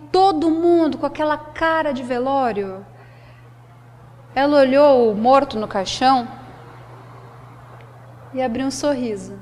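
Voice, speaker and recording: A woman telling a folk tale aloud with expressive delivery, dramatic pauses and a shifting pace. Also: sits high, big-room sound. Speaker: storyteller. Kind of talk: oral folk-tale storytelling.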